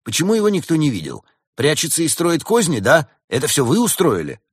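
A man doing a jumpy, shouting badger businessman. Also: fairly high pitch, huge pitch swings, quick pace, husky, pitched above the performer's own voice, full character voice. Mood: suspicious. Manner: shouting, suspicious, flustered. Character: nervous loud male badger businessman.

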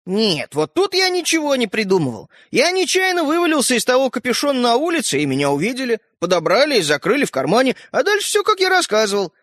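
A man voicing a tiny, boastful and sly living toy boy in a storybook, cheeky and excitable. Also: extremely high pitch, fast talker, hardly any pauses, no echo, voice pushed up, heavily acted.

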